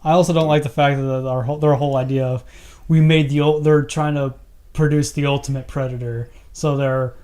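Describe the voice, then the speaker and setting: A man's voice: mid-range voice, little pitch movement, a little fast, warm tone. A man co-hosting a casual podcast, chatting and joking about movies. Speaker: podcast co-host.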